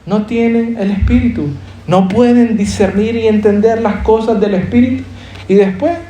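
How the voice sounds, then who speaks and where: Male pastor, high mellow voice, earnest sermon, echoey church hall. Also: fairly even intonation, moderate pace. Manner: earnest preaching with rhetorical questions.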